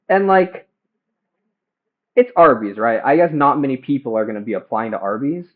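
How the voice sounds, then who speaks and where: A man's voice: medium pitch, lively intonation. Young man on a tinny headphone mic. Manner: hesitant, halting, self-questioning. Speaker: livestreamer cooking at home. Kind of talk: casual rambling chat while cooking. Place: home kitchen. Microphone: headphones used as a phone mic. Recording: phone-like, headphone mic livestream.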